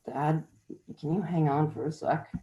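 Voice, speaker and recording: Cocky teenage schemer read by a man in a table read; pushy, animated intonation. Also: medium pitch, a little fast, highs cut off, lightly acted. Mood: fake-sick. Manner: pushy, persuasive. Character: cocky, persuasive teenage boy. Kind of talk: unrehearsed script read-through.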